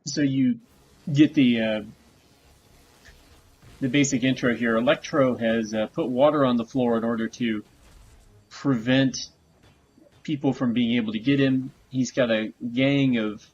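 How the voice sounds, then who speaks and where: A man giving casual gameplay commentary, relaxed and rambling with frequent fillers. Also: mid-range voice, unhurried, long pauses, slightly rough. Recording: dull lo-fi recording.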